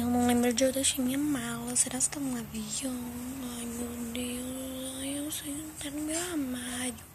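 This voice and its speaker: A woman voicing a worried young woman doll in play-acting, talking in a fretful, often hushed way, recorded at home with a noisy background. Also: sits high, lightly acted.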